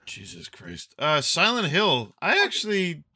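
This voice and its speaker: A man hosting a podcast, talking in casual, profane, animated chat. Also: fairly high pitch, a little slow, no echo. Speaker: podcast host.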